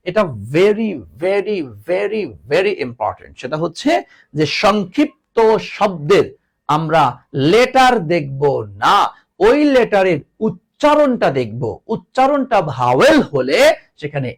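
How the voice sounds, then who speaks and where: A man's voice: high voice, sing-song, slow pace. A man teaching an English grammar class, repeating each word and teasingly scolding his students. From Bangladesh.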